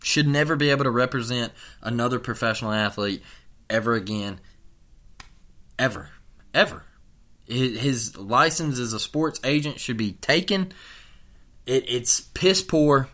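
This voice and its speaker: A man's voice: mid-range voice, a little slow, pauses often, a bit bright. A man hosting a sports talk show, ranting in a heated, profane way and repeating lines for emphasis. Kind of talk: heated sports opinion rant.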